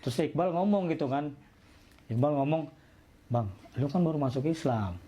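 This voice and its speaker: A man's voice: fairly high pitch, moderate pace, slightly rough. A man tells his story in casual chat, acting out the voices of the people in it. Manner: lively, acts out quoted voices in dialogue. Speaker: guest telling his conversion story.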